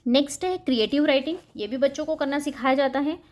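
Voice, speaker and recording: A woman hosting a home-schooling channel, explaining a first-grade English syllabus to parents and reading example sentences out slowly. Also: sits high, darkish tone. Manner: mixes Hindi with English words, reads example sentences slowly.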